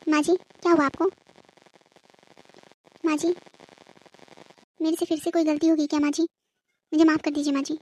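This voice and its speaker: A woman voicing a gentle, dutiful young daughter-in-law in a cartoon who speaks softly and respectfully. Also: high-pitched, flat delivery, moderate pace, pauses often, lightly acted, poor audio. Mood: pleading. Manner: soft, respectful and pleading. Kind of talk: cartoon voice acting.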